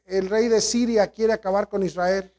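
A male pastor preaching a sermon, retelling scripture in lively paraphrase and addressing listeners as brothers. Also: high voice, moderate pace.

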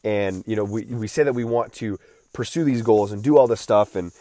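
Rambling man in his thirties, low voice. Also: a little fast, dark tone, dry recording, studio quality. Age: 30s. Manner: rambling, with many restarts and filler words. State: recovering from feeling unwell. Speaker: podcast host. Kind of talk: casual solo podcast monologue.

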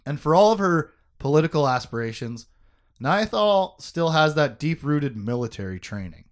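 A man's voice: a little high, big pitch swings, normal speed. A man hosting a podcast, recapping a book in casual chat, joking, laughing often and swearing.

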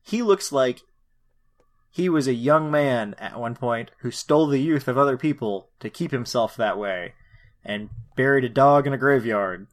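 A man's voice: mid-range voice, normal speed. Irreverent man chatting casually. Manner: irreverent, profane. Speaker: podcast co-host. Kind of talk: casual episode recap chat.

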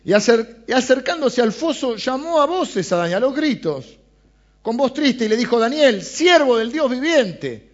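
A man with an Argentine Spanish accent and a very high-pitched, animated voice preaches at a moderate pace on a Bible passage. His sermon is casual and chatty, full of questions for his listeners, and the audio sounds dull.

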